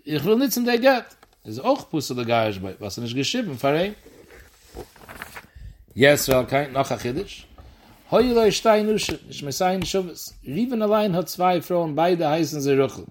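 A man giving a Talmud lesson, explaining the text in a quick, lively sing-song study chant. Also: on the high side, slight background noise. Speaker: Talmud teacher.

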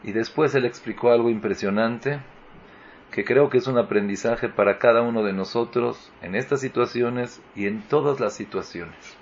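A man's voice: mid-range voice, normal speed, highs cut off, slight background noise. A man giving a Torah lesson as a rabbi, posing rhetorical questions and rising with emphasis. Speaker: rabbi teaching.

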